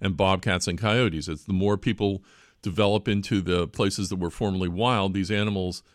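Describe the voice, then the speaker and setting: A man's voice: sits low, steady tone, moderate pace, no room sound, studio quality. A man hosting a radio interview, with a conversational manner full of chuckling asides. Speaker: radio show host. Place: radio studio.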